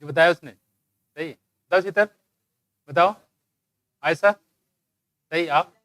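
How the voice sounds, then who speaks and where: A slightly high, slow male voice with a fairly bright tone, recorded dry. He's teaching biology to a live class, quizzing students by name and teasing and scolding them with jokes. His throat sounds dry from shouting.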